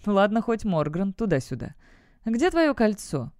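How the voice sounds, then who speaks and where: A woman's voice: mid-range voice, very animated, a little slow, a little mellow, no echo, studio quality. Woman reading a blunt, scornful young guardsman. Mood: scornful, heated. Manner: blunt, sneering remarks.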